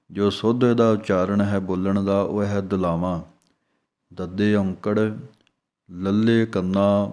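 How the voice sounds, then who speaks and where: A man with a Punjabi accent giving a spoken lesson on scripture pronunciation, slow and deliberate, drawing out example sounds. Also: fairly low pitch, darkish tone. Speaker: Gurbani pronunciation teacher.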